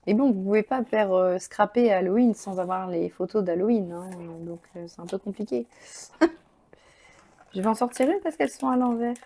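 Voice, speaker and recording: Woman host, casual unboxing chat, mellow tone, eager and rambling. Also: mid-range voice, normal speed. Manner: chatty, enthusiastic, thinks aloud with many fillers. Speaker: crafting channel host.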